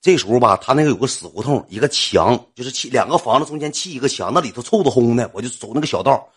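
A man with a Northeastern Chinese accent telling a comic story in a rambling, colloquial, animated way. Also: medium pitch, fast, breathy edge.

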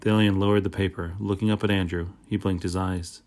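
A man narrating a children's audiobook in a steady, plain first-person storytelling manner. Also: deep voice, fast.

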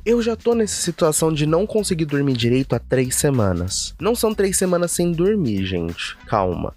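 A man's voice: fairly high pitch, darkish tone. A young man from Brazil with a Brazilian Portuguese accent, telling a personal story in a chatty, self-mocking vlog monologue full of asides. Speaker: vlogger. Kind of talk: casual confessional monologue.

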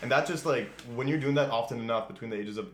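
Here a man in his twenties from Austria hosts a relaxed podcast, talking quickly at medium pitch. There's slight background noise and room echo, and his manner is loose and candid, sprinkled with "like" and swear words.

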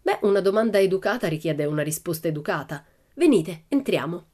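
A woman reading an audiobook, voicing a bold, carefree little girl who talks loudly and emphatically. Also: expressive, brisk. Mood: cheeky. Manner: loud, emphatic and high-spirited.

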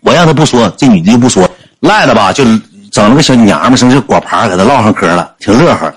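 Soft music plays behind a man with a medium-pitched, breathy-edged voice who talks fast. He's a storyteller with a Northeastern Chinese accent, telling a comic anecdote on a livestream and animatedly acting out its characters.

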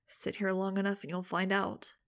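A woman's voice: medium pitch, little pitch movement, moderate pace, vocal fry, a bit bright. Woman doing a blind teen boy, wry, mutters jokes. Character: blind teenage boy, wisecracking.

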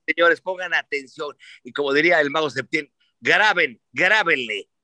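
A man with a Mexican Spanish accent, telling sports stories in casual chat as host, animated and profane, acting out the voices he quotes. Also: a little high, a little fast, no room sound.

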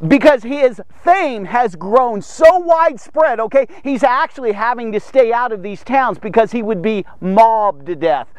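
A man hosting a Bible devotional podcast, teaching in a casual, jokey and energetic way and repeating words for emphasis. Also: very high-pitched, no echo. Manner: energetic, jokey and conversational, with many asides to listeners.

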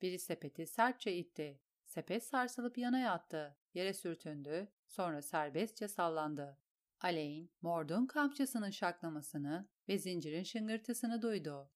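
A woman narrating a story for an audiobook, reading in a steady, descriptive way. Her voice sits fairly low for a woman. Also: slow.

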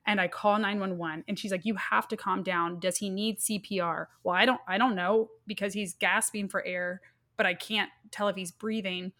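A woman in her thirties, a guest speaking earnestly and haltingly as she recounts a personal loss. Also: medium pitch, fairly even intonation, bright, forceful tone. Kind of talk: emotional personal storytelling.

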